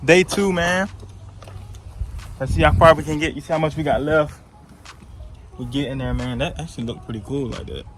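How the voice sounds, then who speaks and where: A man's voice: on the high side, moderate pace, pauses often, a little hiss or hum, rough recording. A young man talking casually to his phone camera outdoors, saying "y'all" and "man" a lot while he works on his Jeep. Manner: laid-back, keeps saying "y'all" and "man". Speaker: vlogger removing his Jeep's vinyl wrap.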